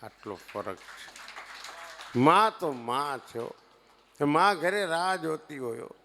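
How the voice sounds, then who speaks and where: A man with a Kathiawadi Gujarati accent doing live comic storytelling on stage for a seated audience, swinging between loud punchlines and hushed asides. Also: fairly high pitch, big pitch swings, slow, slight background noise. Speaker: stage comedian.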